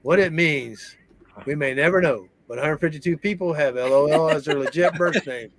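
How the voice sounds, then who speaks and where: A man's voice: on the high side, fairly quick, over a noisy crowd. Man reading trivia on a live chat. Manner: reads trivia aloud, dry jokes. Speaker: live chat co-host reading fun facts. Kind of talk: casual live-stream chat.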